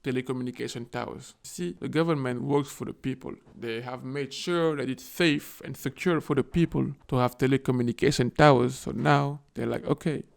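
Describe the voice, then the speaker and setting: A man's voice: medium pitch, fairly even intonation, moderate pace, gravelly, hardly any pauses. A man giving casual, irreverent commentary in a vlog, often swearing and acting out the people he quotes. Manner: irreverent and profane, acts out quoted voices. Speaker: video host.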